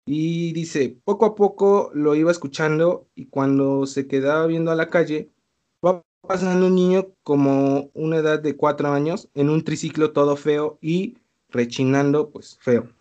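A young Mexican man on a casual chat show, telling a listener's eerie story in loose slang and laughing now and then. His voice sits a little high for a man. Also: normal speed, darkish tone, highs cut off. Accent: Mexican Spanish. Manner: slangy, laid-back, laughs between lines. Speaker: podcast co-host reading a listener's story.

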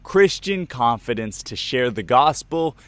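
A man hosting a Bible teaching show, delivering a scripted talk in an energetic, playful way with little dramatic skits. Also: mid-range voice, a little slow, dry recording.

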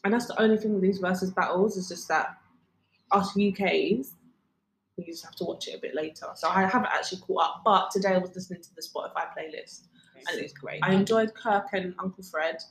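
A tired British woman co-hosts a podcast, chatting in casual slang and laughing easily. Her voice rings around a reflective room, with a faint hum of background noise underneath. Her pitch sits in an ordinary middle range. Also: fairly quick. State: tired from no sleep. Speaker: podcast co-host. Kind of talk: casual chat. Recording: echoey room.

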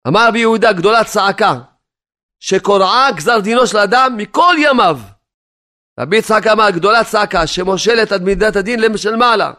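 A man's voice: high voice, pushed and bright. A man giving a religious lesson in a chanting cadence, reading old Aramaic text and translating it line by line with frequent asides to listeners. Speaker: rabbi teaching Zohar. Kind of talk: Torah lesson sermon.

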